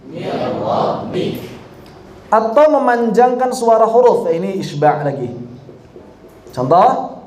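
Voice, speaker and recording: A man teaching Quran recitation rules, explaining each rule and then slowly demonstrating phrases for students to repeat, correcting common mistakes. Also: sits high, very animated, darkish tone, reverberant. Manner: drills slow example phrases for students to repeat. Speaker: tajwid teacher.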